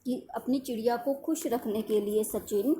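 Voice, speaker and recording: A woman's voice: on the high side, dark tone, slight background noise. A woman teacher, giving a lesson to a primary school class, reading out words one by one and explaining them. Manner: slow, dictating words one at a time with explanations.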